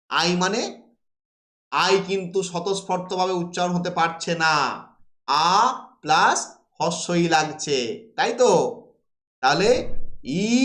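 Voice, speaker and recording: A man with a high-pitched voice gives a classroom lecture. He poses rhetorical questions and answers them himself. The sound rings around a roomy, echoey space. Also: a bit bright. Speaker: teacher. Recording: roomy echo.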